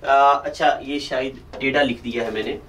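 A male teacher giving a recorded lecture to camera, dictating slowly and repeating points, calling his students "beta". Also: medium pitch, steady tone, a bit bright, far from the mic, a little hiss or hum, rough recording. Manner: slow, deliberate dictation with repetition.

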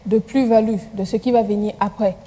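A woman's voice: mid-range voice, fairly even intonation, brisk, dark tone, breathy edge, big-room sound. A young woman, a panelist on a TV talk show, giving her view in a firm, matter-of-fact way. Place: TV studio.

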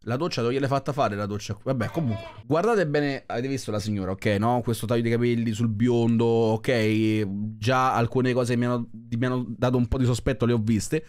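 A man's voice: medium pitch, steady tone, fairly quick, few pauses, a little mellow. Skeptical man ranting. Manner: skeptical, rambling with restarts. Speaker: reaction video host. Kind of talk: casual commentary.

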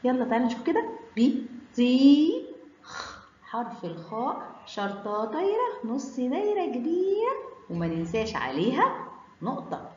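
A woman with an Egyptian Arabic accent teaches young children their letters, slowly drawing out each sound in a lively, sing-song lilt. Her voice sits a little high. The recording is echoey and muffled. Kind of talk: children's alphabet lesson. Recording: echoey room, dull lo-fi sound.

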